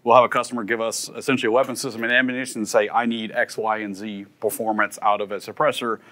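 A factory tour guide in his thirties walks through a sound-testing room and the factory floor indoors, explaining technical details casually and matter-of-factly. He talks fast in a lowish, bright, forceful voice with little pitch movement.

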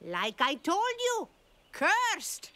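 A woman voicing a spirited, quick-witted little girl in a cartoon. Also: very high voice, huge pitch swings, background noise, heavily acted. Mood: dramatic, sly. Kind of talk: cartoon voice acting.

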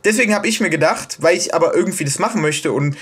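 A man's voice: fairly high pitch, lively intonation, fast talker, fairly bright tone, slightly rough. A man from Germany explaining pronunciation in a casual, hesitant tutorial, with many fillers and restarts. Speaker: video host explaining Japanese pronunciation. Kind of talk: casual self-made tutorial.

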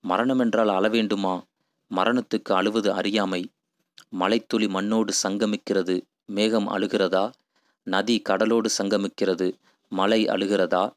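A man's voice: fairly low pitch, steady tone, measured pace, no echo, natural voice. Man reading as a fiery poetic idealist. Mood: rousing. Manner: poetic, rousing oratory. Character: impassioned idealistic man preaching to villagers.

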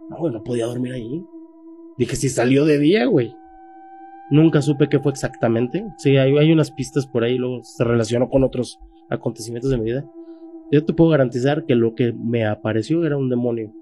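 Speaking briskly in a mid-range, dark voice, a Mexican Spanish-accented guest in his thirties recounts a scary paranormal experience of his own. He uses casual slang and gets louder whenever he quotes someone, against slight background noise.

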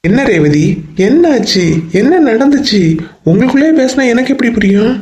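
A woman's voice: fairly high pitch, very animated, normal speed, darkish tone, voice pushed down. Woman putting on a puzzled elder brother. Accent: Kanyakumari Tamil. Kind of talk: cartoon story voice acting.

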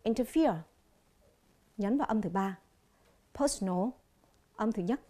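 A woman from Vietnam with a Vietnamese accent, teaching an English vocabulary lesson on television, speaking slowly and clearly and repeating each word. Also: medium pitch, warm tone.

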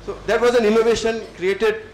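A middle-aged Indian man with an Indian English accent gives a thoughtful lecture to students, with many fillers and pauses. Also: high-pitched, level tone, reverberant, low-quality recording. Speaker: civil servant speaker. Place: lecture hall.

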